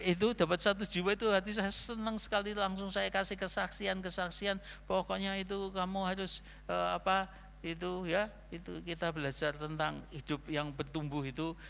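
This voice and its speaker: An older pastor with a Javanese accent preaches in a gravelly, bright and slightly high voice. His sermon rambles like a friendly anecdote, dotted with fillers. The sound rings with the long reverb of a church hall. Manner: chatty, rambling, ends phrases with fillers. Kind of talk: storytelling sermon.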